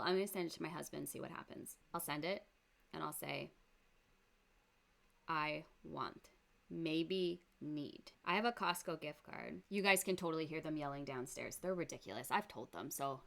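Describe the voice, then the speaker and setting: A woman's voice: sits low, gravelly, fairly bright tone. A pregnant woman from Canada giving dry, sarcastic reaction commentary on a vlog.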